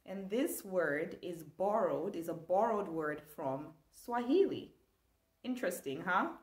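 Speaking a little slowly in a lowish, reverberant voice, a young woman from Zambia gives an online language lesson in a small room. Her manner is lively and enthusiastic, with plenty of gestures.

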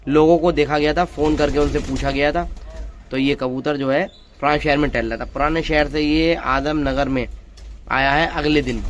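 A man with a slightly high voice vlogs from a phone in an open-air courtyard full of pigeons, casually chatting to viewers he calls friends. He's a pigeon keeper doing show-and-tell narration while birds coo and flutter around him, and there's a faint hiss or hum.

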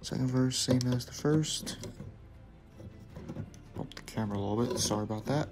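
A young man speaks at medium pitch and normal speed while casually reviewing a toy he made himself. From a basement room with music in the background, he narrates hands-on steps, tossing in small asides and fixing his own slips.

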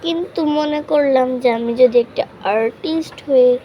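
A young woman hosting a drawing channel, chatting casually about her painting at home and often correcting herself, sometimes speaking softly. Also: high voice, normal speed. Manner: chatty, self-correcting, drops to hushed voice. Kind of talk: casual drawing tutorial narration. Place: home room. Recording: faint background noise.

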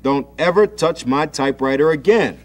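Storybook father, irritated, lecturing, shouting, raised voice, a man doing him. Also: high-pitched, a little fast, pitched above the performer's own voice. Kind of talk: storybook reading.

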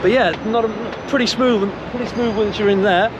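A man's voice: high voice, fairly even intonation, fairly quick, noisy background. A man in his thirties with an English accent, chatting to a handheld camera as he walks through city streets and a busy public hall, explaining each step. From England. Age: 30s. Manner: chatty, explains steps to camera while walking. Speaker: vlogger. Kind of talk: casual travel vlog. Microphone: camera held at arm's length. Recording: background music.

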